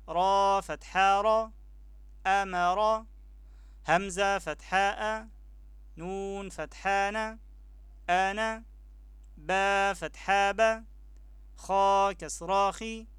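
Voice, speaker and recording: A man's voice: high voice, fairly bright tone, clean tone, dry recording. A man teaching Quran reading, spelling each letter with its vowel mark and then blending the syllables into the word. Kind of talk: slow letter-by-letter spelling drill.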